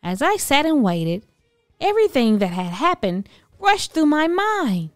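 A woman's voice: high voice, big pitch swings, a little slow, no echo, studio quality. A woman reading a children's story aloud expressively, drawing out key words with theatrical emphasis. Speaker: storybook narrator. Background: background music.

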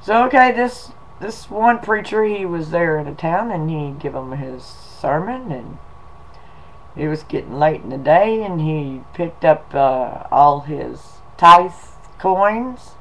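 A man with a twang reads aloud and then spins a folksy old story for his viewers. He takes his time, drawing out his words at a slow, easy pace, and his voice sits a touch on the high side. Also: expressive, a bit bright, slight background noise, low-quality recording. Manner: folksy, slow, drawling delivery with y'all and 'em. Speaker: video blogger. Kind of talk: casual reading and storytelling.

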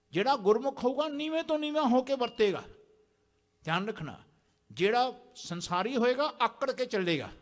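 A man preaching a sermon in a large temple prayer hall, exhorting the congregation and having them repeat lines after him. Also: extremely high pitch. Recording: long hall reverb.

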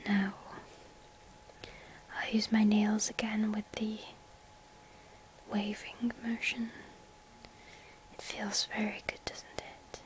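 A woman playing a gentle, soothing spa massage therapist in a soft-spoken whispered role-play, slow and reassuring. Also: mid-range voice, flat delivery, a little hiss or hum, natural voice, low-quality recording.

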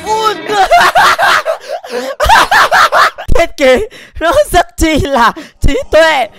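Lively, crude-joking Vietnamese man with music behind. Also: extremely high pitch, very slow, creaky, raised voice. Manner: crude joking, swears often, laughs a lot. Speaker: reaction video host. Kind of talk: casual reaction commentary.

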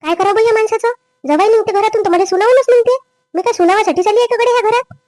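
A woman's voice: very high voice, darkish tone, no room sound, faint music behind. A woman playing a scheming, nagging young wife. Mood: complaining. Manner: quick, complaining, rising whine. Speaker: daughter-in-law. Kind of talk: family drama skit.

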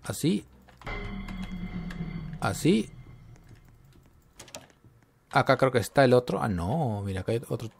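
A man's voice: medium pitch, big pitch swings, takes it slowly, creaky, pauses often, a little mellow, slight background noise. A man giving casual gameplay commentary, talking to himself and getting jumpy and scared as he plays. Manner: jumpy, talks to himself while playing.

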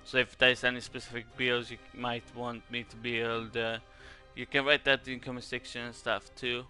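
A man's voice: medium pitch, level tone, normal speed, sharp tone, soft background music. A man from Sweden with a Swedish accent gives casual game commentary in a hesitant, rambling way, repeating words as he goes. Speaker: gaming video creator.

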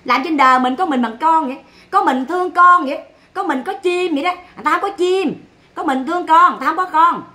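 Southern Vietnamese woman streamer, high bright voice, blunt and mocking. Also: fast. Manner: scolding, sarcastic, blunt. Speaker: livestreamer. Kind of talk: ranting livestream commentary.

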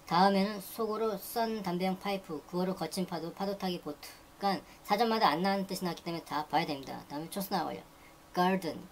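Acting as a teacher, a woman with a low voice reads English dictionary entries aloud, saying each word twice and then listing its meanings. She moves at a brisk, list-like pace over a faint hiss.

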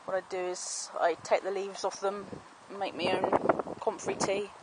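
Off screen behind a handheld camera, a woman walks through her allotment garden, giving a homely, chatty tour and explaining things as she goes. She has a mid-range voice with a level tone and an unhurried pace. Background noise comes through clearly in the outdoor camera audio.

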